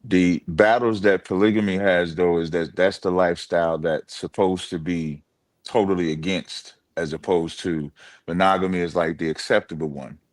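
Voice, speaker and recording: A man speaking as a guest on a casual online panel, explaining his view in a measured, even-handed way. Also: sits low, no echo.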